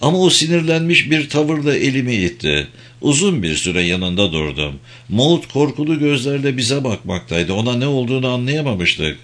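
A man's voice: mid-range voice, sing-song, normal speed, a bit bright. A man narrating an audiobook in a dramatic, storytelling manner.

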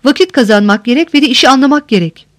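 A composed young warrior chief speaks with striking calm and a measured pace. The voice sits a little high and is recorded close and dry, acted out by a woman narrator. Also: no echo.

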